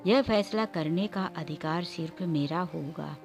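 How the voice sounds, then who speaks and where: A woman's voice: low voice, a little slow, faint music behind. A woman voicing a stubborn, angry young married woman who speaks indignantly. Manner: indignant, sharp.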